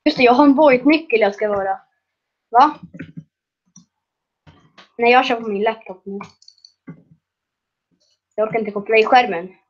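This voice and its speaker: A woman doing casual gaming commentary, excitable and prone to loud shrieking laughter. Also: fairly high pitch, pauses often, muffled recording. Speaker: gaming video creator.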